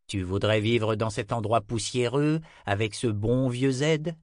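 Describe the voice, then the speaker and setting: A gruff, dependable guardian speaks firmly and plainly in a storybook reading, as a male narrator puts him on. His pitch sits ordinary and even. The sound is dry and close. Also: unhurried, no echo, close to an everyday voice. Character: firm adult male protector, gruff but kind. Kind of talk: audiobook character reading.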